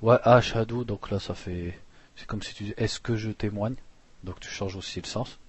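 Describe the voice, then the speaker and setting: A man teaching a religious lesson, reading passages fast and then explaining them plainly with restarts. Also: fairly low pitch, fairly even intonation. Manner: reads Arabic passages quickly, then explains slowly with restarts; clears throat now and then.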